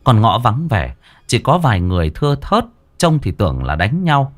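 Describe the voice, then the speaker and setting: Lively male ghost-story narrator. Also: medium pitch, normal speed. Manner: dramatic storytelling, voices the characters.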